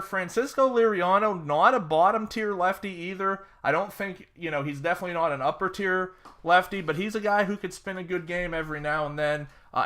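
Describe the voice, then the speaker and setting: A man's voice: high-pitched, sharp tone. A young man casually breaking down fantasy baseball picks, chatty and rambling with fillers and sarcastic asides. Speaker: fantasy sports analyst. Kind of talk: casual solo sports-betting breakdown.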